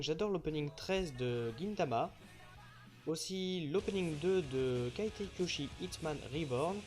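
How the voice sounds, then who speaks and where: Playful young man, slightly high voice. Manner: joking, teasing, with mock-serious asides. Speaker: page admin answering fan questions. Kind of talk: casual FAQ voice-over. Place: unseen voice-over.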